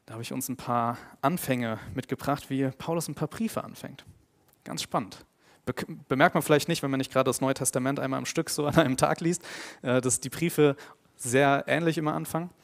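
A man preaching a sermon in an earnest tone, growing emphatic on his main points and dropping quiet and slow on key phrases. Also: medium pitch, creaky. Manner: earnest, grows emphatic and louder when stressing points.

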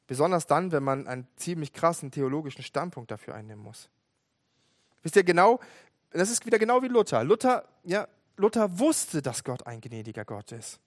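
A man's voice: mid-range voice, no echo. Young guy preaching, chatty and earnest, lots of ums, dry close sound. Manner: conversational, earnest, with fillers and restarts. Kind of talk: sermon.

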